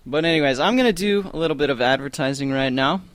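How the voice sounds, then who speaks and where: A young man casting a video game tournament live, chatty and rambling, full of fillers and quick self-corrections. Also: fairly high pitch, animated, a bit bright, no echo. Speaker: esports tournament caster. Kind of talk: casual live game commentary.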